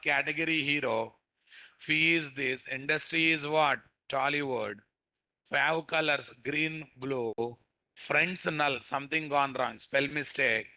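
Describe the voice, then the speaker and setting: A man's voice: fairly high pitch, pushed and bright, low-quality recording. A man with a Telugu Indian accent teaching a live coding lesson, repeating phrases and prompting students with questions. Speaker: programming instructor.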